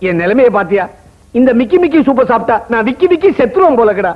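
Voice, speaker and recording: A man's voice: extremely high pitch, big pitch swings, fast. A man playing a put-upon father-in-law who grumbles and complains in a comic way. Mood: grumbling. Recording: dull lo-fi film soundtrack with music.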